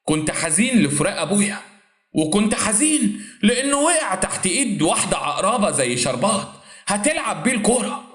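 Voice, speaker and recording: High, animated Egyptian male storyteller. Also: fairly quick, echoey room. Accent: Egyptian Arabic. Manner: emotional, repetitive dramatic narration. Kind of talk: dramatic first-person story narration.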